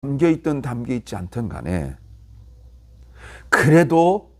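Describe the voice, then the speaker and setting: Male pastor, low husky voice, lively pitch swings, expository morning sermon. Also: moderate pace. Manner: explanatory, rising emphatically when paraphrasing Job.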